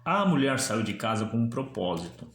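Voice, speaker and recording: A man's voice: on the low side, big pitch swings, normal speed, reverberant. A man teaching a Bible lesson, explaining the text and asking the viewer questions. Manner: explanatory, asks the viewer questions, acts out quoted dialogue. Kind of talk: theology lesson to camera.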